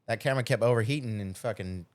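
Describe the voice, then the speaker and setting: A man's voice: medium pitch, fast, a little mellow. A man hosting a podcast, talking in a loose, rambling way with plenty of swearing. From United States. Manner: profane, rambling, laughs often. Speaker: podcast host. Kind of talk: casual podcast chat.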